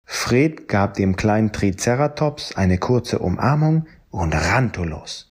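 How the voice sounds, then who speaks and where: A man reading a children's story aloud in a calm, gentle, expressive way. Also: lowish voice, slow pace, husky.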